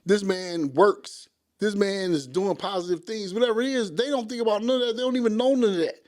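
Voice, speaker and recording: Man, high voice, animated storyteller, acts out quotes, casual podcast chat. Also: a little fast.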